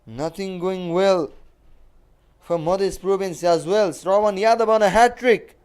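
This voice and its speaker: Guy doing live cricket commentary, pretty high clear voice, repeats his phrases. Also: unhurried, a little mellow.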